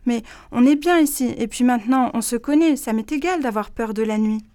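A woman voicing a timid little bat who is afraid of the dark, with a small, shy voice. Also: a little high, brisk, no echo, clean studio sound, close to an everyday voice.

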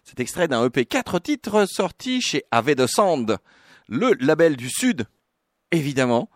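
A man's voice: on the high side, sing-song, unhurried, no room sound. A man hosting a radio show in a studio, chatting casually and joking, with many hesitant fillers. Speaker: radio host.

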